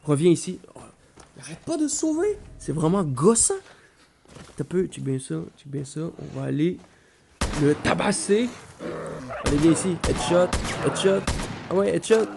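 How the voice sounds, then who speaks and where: A man with a Québécois accent giving excitable, swearing gameplay commentary while he has the flu. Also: a little high, moderate pace, creaky, long pauses, heavy background noise. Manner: excitable, swears often, loud outbursts. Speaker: gaming YouTuber.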